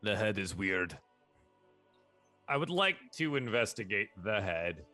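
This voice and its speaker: Bright-voiced man playing a tabletop game. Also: lowish voice, sing-song, unhurried, faint music behind. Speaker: player. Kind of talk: tabletop game play, partly in character.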